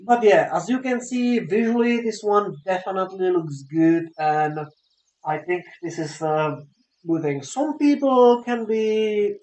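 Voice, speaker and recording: A high-pitched man whose first language isn't English gives a casual, unscripted game review in English, halting and repeating himself as he hunts for words. The recording has a roomy echo, with soft guitar game music playing behind him.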